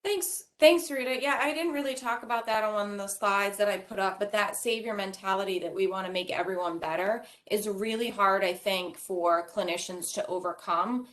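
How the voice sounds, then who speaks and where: A woman physician moderating a webinar panel over a video call, speaking in a reflective, measured way. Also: medium pitch, a bit bright. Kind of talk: professional panel discussion.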